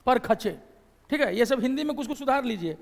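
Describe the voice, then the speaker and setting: High-voiced Bihari teacher in an echoing hall. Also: male voice, lively intonation, brisk, vocal fry. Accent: Bihari Hindi. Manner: explanatory, repeats phrases and asks questions to the class. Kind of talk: classroom lecture.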